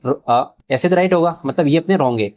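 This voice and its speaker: A man's voice: a little high, fairly quick, a little mellow. A man teaching an exam-prep grammar lesson, asking the children questions, answering them himself and mixing in English terms. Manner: addresses students as children, mixes English terms into Hindi.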